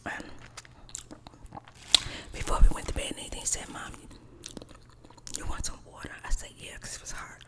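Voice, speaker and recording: In an ASMR-style breathy whisper, a middle-aged woman tells a casual personal story, speaking colloquially at normal speed with repeated emphasis and frequent pauses.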